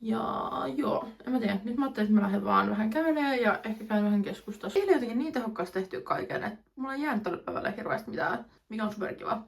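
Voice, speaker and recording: Young woman, upbeat vlog chatter, gravelly fry, phone camera at home. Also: on the high side, expressive, hardly any pauses. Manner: chatty, upbeat, lots of fillers. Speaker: vlogger. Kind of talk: casual vlog chat to camera. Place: at home, indoors.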